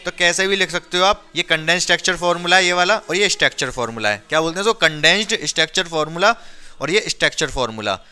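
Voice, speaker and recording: A man's voice: a little high, expressive, quick pace, bright, forceful tone, smooth. A man teaching a chemistry lesson to a class, talking students through each step and constantly checking they follow. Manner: questioning, drills students with repeated checks. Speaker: science teacher.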